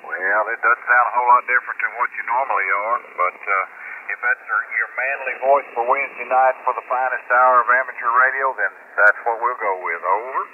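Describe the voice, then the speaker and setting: Net control host, relaxed Texan, thin distant shortwave audio. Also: male voice, mid-range voice, brisk, narrow, tinny audio, slight background noise. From Texas. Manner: easygoing, chatty. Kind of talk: hosting a ham radio net. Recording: distant voice over shortwave radio.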